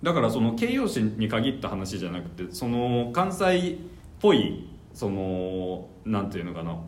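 A young man from Kanagawa chatting casually with friends, relaxed and chuckling often. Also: on the low side, moderate pace. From Kanagawa, Japan. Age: young adult. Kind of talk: casual chat. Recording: roomy echo, faint ambience.

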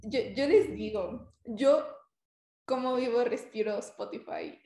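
A high-pitched woman chats casually as a podcast co-host. She is playful and giggly, happy to poke fun at herself, and the room echoes noticeably around her. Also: slow, dark tone. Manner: giggly, self-deprecating, playful. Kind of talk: casual chat between podcast co-hosts. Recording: roomy, echoing room sound.

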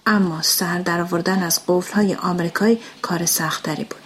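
A woman reading a short story aloud, often in a hushed, whispered voice. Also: lowish voice, fairly even intonation, husky. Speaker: narrator. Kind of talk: storybook narration.

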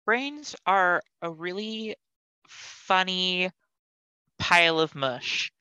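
Smooth low-voiced young woman, earnest. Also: expressive, very slow, bright, forceful tone, no echo, muffled recording. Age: young adult. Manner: earnest, articulate, thoughtful. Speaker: podcast guest. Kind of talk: casual conversational interview.

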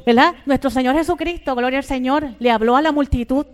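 A woman's voice: high voice, a little fast. An older Puerto Rican woman preaching a sermon, who fills every phrase with fervent church exclamations and asks her listeners for agreement.

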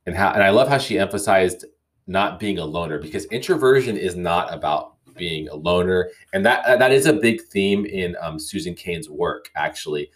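A man hosting a casual solo podcast, thoughtfully reading listener emails aloud and reflecting on them with frequent restarts. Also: low voice. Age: young adult or middle-aged, parent. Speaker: podcast host.

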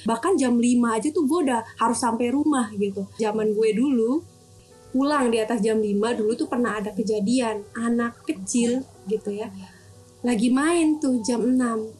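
A woman's voice: on the high side, normal speed, darkish tone, soft background music. A woman co-hosting a casual chat, chatty and putting questions to the group.

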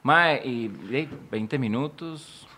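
A man's voice: medium pitch, takes it slowly, a little hiss or hum. A man with a Costa Rican accent hosting a casual comedy podcast, telling stories and acting out other people's voices. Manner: animated storyteller who acts out other people's voices. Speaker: podcast host.

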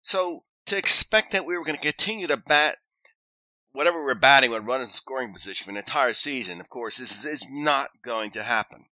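A man's voice: medium pitch, expressive, fairly quick, pushed and bright, no room sound, rough recording. A man chatting casually as a sports podcast co-host, with a stuffed-up nasal voice as if his nose were broken, getting over an illness.

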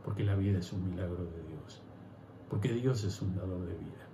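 A man with a Rioplatense Spanish accent preaching a sermon as pastor, swinging from hushed pleading to loud emphatic preaching. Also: low-pitched, moderate pace, reverberant, noisy background.

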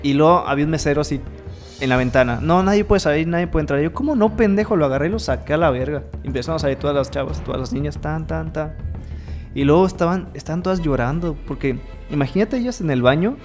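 Over soft background music, a man with a Mexican accent, a co-host, chats casually and tells a party story vividly, performing the quotes, voices, and sound effects. His voice runs on the high side at a quick pace.

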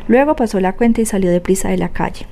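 A woman narrating an audiobook in a steady, measured way. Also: mid-range voice, vocal fry. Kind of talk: scripted narration.

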